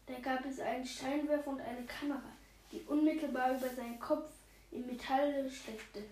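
Woman reading a children's book aloud; high voice, roomy echo. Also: steady tone, moderate pace, darkish tone, slight background noise. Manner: unscripted slips and restarts. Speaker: reader.

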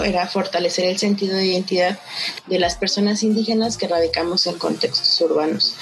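A young Mexican woman with a Mexican Spanish accent, a guest who founded a social initiative, shares her personal story in an interview. She speaks earnestly and reflectively at a medium pitch, hesitating often. The audio quality is poor.

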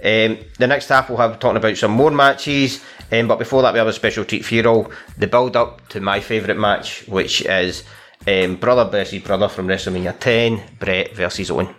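Hesitant, low-voiced male podcast host. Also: steady tone, a little fast, fairly bright tone. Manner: hesitant, many ums. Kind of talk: casual podcast hosting.

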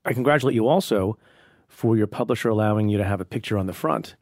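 A middle-aged man from India hosting a podcast, explaining news in a measured way and interviewing a guest. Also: fairly low pitch, darkish tone, no room sound, clean studio sound. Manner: measured, explanatory, reads ad copy. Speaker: podcast host.

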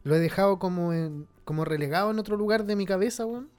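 Mellow-voiced Chilean man, slangy storyteller. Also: high-pitched, fast, smooth, faint music behind. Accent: Chilean Spanish. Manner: slangy, somber storytelling, frequent swearing. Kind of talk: casual chat.

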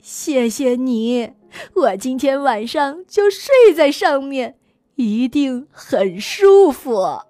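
A woman voicing a gentle, grateful old male ox neighbor in a storybook, speaking slowly and kindly. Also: high-pitched, sing-song, no echo, pitched below the performer's own voice, full character voice.

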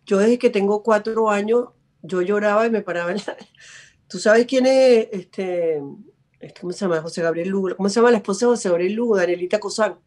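An actress telling stories as a guest on a video call, chatty and quoting herself. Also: female voice, medium pitch, brisk, a little mellow. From Venezuela. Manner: chatty, tells stories, acts out her own quotes. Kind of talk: casual interview chat.

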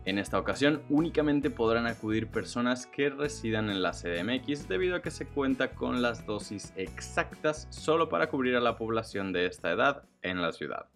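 Lively Mexican man hosting a news podcast. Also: medium pitch, moderate pace, few pauses, soft background music. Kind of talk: scripted news narration with casual slang.

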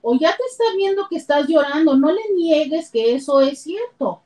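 A woman with a Mexican Spanish accent hosting a casual advice talk on relationships. She speaks in an animated way and slips into acted quotes with jumps in pitch. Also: moderate pace. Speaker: host and relationship counselor.

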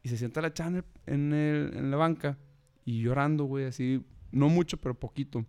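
A man's voice: medium pitch, fairly quick, a little mellow, smooth. Slangy Mexican man telling a story. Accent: Mexican Spanish. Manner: slangy, peppers speech with "güey". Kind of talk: casual chat, storytelling.

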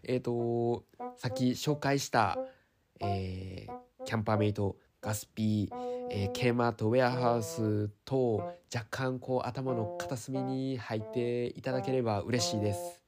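A male podcast host speaks at a middle pitch with a clearly nasal, stuffy-nosed voice. He explains things casually on his own, feeling his way through each point in an informal, slightly hesitant manner. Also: fairly even intonation, a little slow, music in the background. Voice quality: nasal, congested. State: stuffy nose from hay fever. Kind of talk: casual explanatory solo talk.

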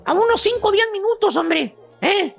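A man puts on a spoiled, prissy young man in his twenties, whining and dismissive in a comedy sketch. The voice is gravelly, with music in the background. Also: very high-pitched, lively intonation, moderate pace, heavily acted. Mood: whiny. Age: 20s. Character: spoiled picky young man, lazy and fussy.

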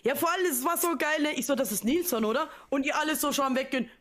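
Woman, podcast co-host, casual chat, animated storytelling, teasing, fairly high voice. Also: very fast. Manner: animated, acts out quoted dialogue.

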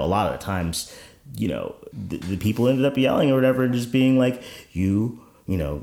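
A man's voice: deep voice, a little mellow. A man chatting casually as a podcast co-host, rambling through anecdotes with some swearing. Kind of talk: casual conversation. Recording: roomy, echoing sound.

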